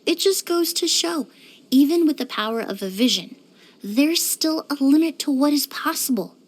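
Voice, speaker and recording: This game character is a poised young perfumer who speaks high-pitched and with careful courtesy. Her scripted delivery is gently formal and steady, with a courteous, inquisitive mood.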